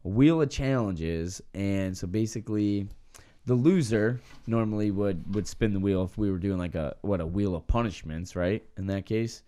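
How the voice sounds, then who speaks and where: Low-voiced young man explaining a game. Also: normal speed, dark tone. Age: young adult. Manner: laughs often, chimes in with short agreements. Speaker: podcast co-host. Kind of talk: casual chat.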